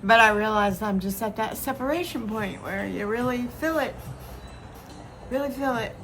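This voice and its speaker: A woman in her sixties, slightly tipsy and crying, blubbering through a halting, confessional personal vlog. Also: a little high, over music, low-quality recording. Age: 60s. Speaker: vlogger. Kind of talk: casual, emotional birthday vlog.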